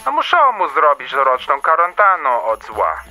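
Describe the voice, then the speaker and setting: Bright, forceful Santa Claus. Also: male voice, medium pitch, very animated, moderate pace, faint music behind. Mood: serious, fatherly. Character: jolly yet stern Santa Claus, old man. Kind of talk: radio play acting.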